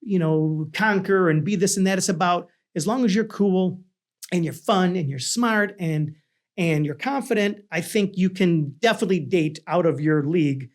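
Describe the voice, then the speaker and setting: A man with a distinctly high-pitched voice hosts a relaxed interview chat. He talks in a rambling, conversational way, with a joking streak. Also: normal speed. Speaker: talk show host.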